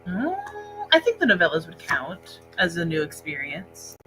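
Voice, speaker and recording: Co-hosting a relaxed livestream about books, this woman has a low voice with huge swings in pitch and a moderate pace. She chats from an indoor library room into a laptop set-up, over music, in a low-quality recording.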